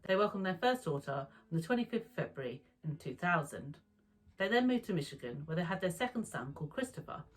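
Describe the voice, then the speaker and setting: Woman, low voice, husky, calm true crime narration, faint music underneath. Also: rough recording.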